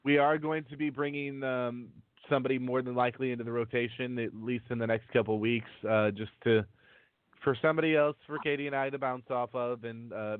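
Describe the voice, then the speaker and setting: A man's voice: mid-range voice, smooth, no echo. Man co-hosting a podcast, tinny phone-like sound. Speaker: podcast co-host. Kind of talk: casual chat. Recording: tinny, phone-like dry connection.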